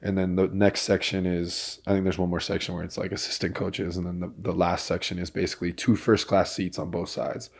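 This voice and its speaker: A man hosting a podcast, telling a story in an animated way that builds to excited bursts. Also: sits low, a little fast, creaky, hardly any pauses. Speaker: podcast host. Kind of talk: casual chat.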